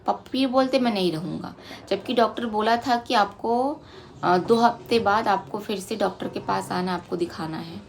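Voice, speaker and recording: Gravelly woman telling a personal story. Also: medium pitch, normal speed, a little hiss or hum. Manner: emotional, conversational, recounting in detail. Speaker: vlogger.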